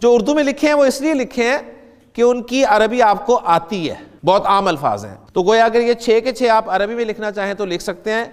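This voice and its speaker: High-voiced man teaching grammar. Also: clean tone, in a large hall. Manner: patient, explains step by step with questions to students. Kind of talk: classroom lesson in Urdu.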